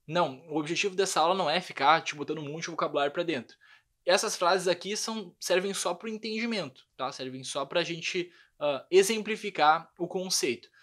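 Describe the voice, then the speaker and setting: A young man giving a lively online language lesson, often checking in with his students. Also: on the high side, fairly quick. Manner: lively explanatory, frequent check-ins. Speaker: language teacher.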